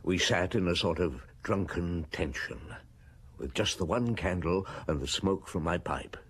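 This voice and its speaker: Husky-voiced Inspector Maigret, animated and shrewd. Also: male voice, deep voice, a little slow, heavily acted. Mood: hushed, tense. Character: shrewd middle-aged male French police inspector, unhurried and commanding. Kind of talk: radio drama acting and first-person narration.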